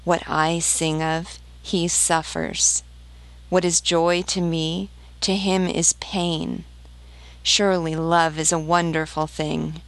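A woman's voice: low-pitched, little pitch movement, takes it slowly, no echo, rough recording. A woman reading as an earnest nightingale. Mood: tender. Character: tender female nightingale, earnest and devoted.

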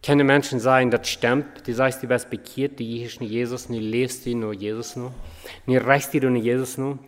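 A man giving a sermon in an earnest, halting way, often pausing on fillers and starting over. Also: mid-range voice, steady tone. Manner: earnest, halting delivery with many fillers and restarts. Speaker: preacher. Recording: reverberant hall.

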